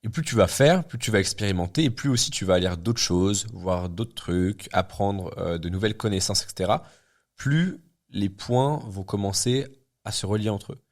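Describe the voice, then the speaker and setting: Young male guest, low-pitched, blunt and unfiltered, chatty with frequent hesitations, casual podcast talk. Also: moderate pace. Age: 20s. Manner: blunt, talks things through with many fillers and restarts. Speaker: guest entrepreneur.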